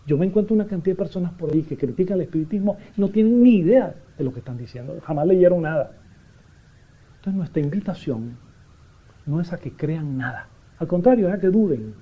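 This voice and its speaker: Animated man lecturing, dull lo-fi sound. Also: fairly high pitch, slightly rough. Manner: animated, jokey asides to audience. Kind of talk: public lecture.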